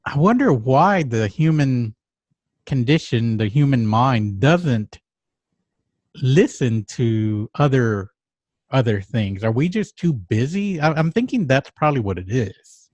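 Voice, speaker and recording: A halting, reflective man from Mexico. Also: mid-range voice, expressive, a little mellow, no echo. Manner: halting, with frequent restarts and trailing pauses. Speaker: podcast co-host. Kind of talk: reflective casual conversation.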